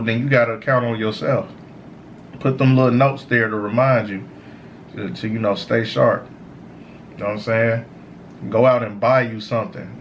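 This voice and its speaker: A man who sounds high, giving a casual, slangy, meandering stoner monologue of motivational advice as a show host. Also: a little hiss or hum. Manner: repeats "you know" tags, informal slangy phrasing. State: high on cannabis. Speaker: host of a smoke session series.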